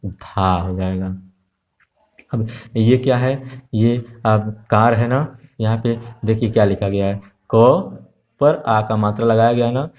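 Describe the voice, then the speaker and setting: A man teaching an online Hindi lesson to young children, slow and patient, repeating each letter and sound with many filler sounds. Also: fairly low pitch, muffled recording.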